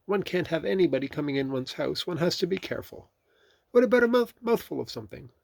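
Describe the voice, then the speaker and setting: Man putting on high, fussy storybook Rabbit. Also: very animated, fast, creaky, a little mellow, no room sound, full character voice. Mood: cautious, polite. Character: fussy, cautious, evasive male rabbit. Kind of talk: children's storybook character voice.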